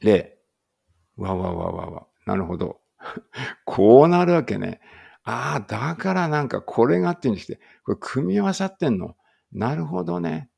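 A man's voice: medium pitch, sing-song, moderate pace, vocal fry, darkish tone, breathy edge. A man reading a study text aloud in a casual study-along and thinking aloud in muttered asides. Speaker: language teacher reading aloud.

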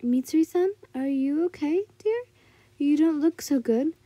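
Woman voicing a high-pitched fussing old woman. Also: animated, unhurried, mellow, dry recording, muffled recording. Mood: concerned. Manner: motherly, coaxing.

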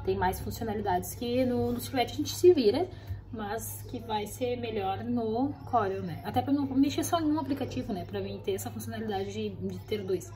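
A woman's voice: on the high side, normal speed, mellow, slight background noise. A woman vlogging casually from her craft studio, chatty and rambling, often checking in with "right?" and her viewers. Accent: Brazilian Portuguese. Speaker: vlogger running a custom stationery studio. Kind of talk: casual vlog chat to camera.

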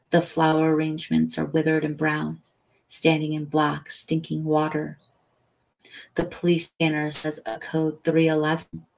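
Woman with a slow gravelly voice. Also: low voice, rough recording. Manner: slow, calm, soothing delivery. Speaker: audiobook reader. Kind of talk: soft bedtime novel reading.

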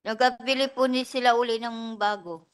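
Soft-spoken woman giving polite testimony. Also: fairly high pitch, steady tone, moderate pace, clear, resonant tone. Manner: soft, polite, short answers. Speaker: witness, domestic worker. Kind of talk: testimony at a hearing. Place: legislative hearing room.

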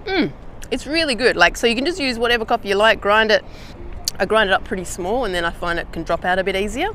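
An Australian woman vlogging outdoors in a casual how-to chat, slangy and relaxed with easy laughs. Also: mid-range voice, fast talker, a little hiss or hum. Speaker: hiking vlogger.

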